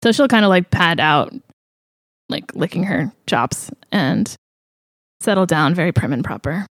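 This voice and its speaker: A woman's voice: fairly low pitch, animated, measured pace, dry recording, studio quality. A woman playing a tabletop game, giggly and self-deprecating in casual chat. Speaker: player.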